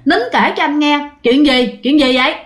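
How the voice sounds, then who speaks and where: Alarmed boy, urgent questions, southern vietnamese accent, high voice, a woman doing it. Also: normal speed, roomy sound, close to an everyday voice. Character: worried boy questioning his little brother.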